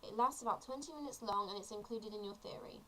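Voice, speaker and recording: A woman's voice: medium pitch, fast talker, pushed and bright, a little hiss or hum, poor audio. A seventeen-year-old woman, chatty and earnest, explaining a topic in a casual tutorial vlog. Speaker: vlogger.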